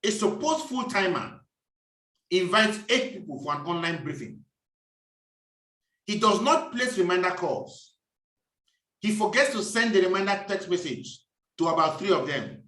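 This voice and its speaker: A man's voice: high voice, lively intonation, measured pace, long pauses, bright, forceful tone, far from the mic. A man giving a preachy, emphatic business talk and repeating his key phrases. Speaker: business speaker. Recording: echoey room, voice off-mic.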